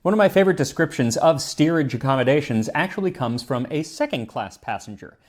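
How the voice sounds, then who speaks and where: A man with a fairly high voice presents scripted narration as a show host. His delivery is very animated, with emphatic, explanatory phrasing. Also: fairly quick. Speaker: host of a food history video show.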